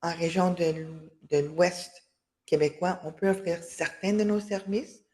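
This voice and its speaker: Fairly low in pitch and darkish in tone, this woman talks at a measured pace. She's the webinar host for a women's enterprise organization, wrapping up an online workshop on a video call with lots of hesitation, fillers, and restarts.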